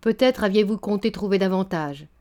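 A woman's voice: mid-range voice, brisk, dark tone, natural voice. Storybook old baron, proud and stern, scolding; woman reader performs him. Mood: cold, businesslike. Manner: indignant, stammering then thundering.

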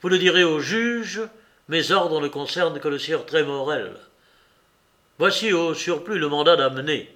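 A man reading the part of a stern police detective in an audiobook, speaking in a firm, measured way. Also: fairly high pitch, expressive, a bit bright, heavily acted.

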